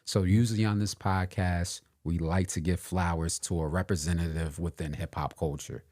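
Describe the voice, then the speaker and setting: A man's voice: low voice, fairly even intonation, moderate pace, darkish tone. A man co-hosting a podcast, speaking in an opinionated, emphatic way and repeating his points for weight in casual conversation. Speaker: podcast co-host. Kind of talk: casual political and hip hop chat.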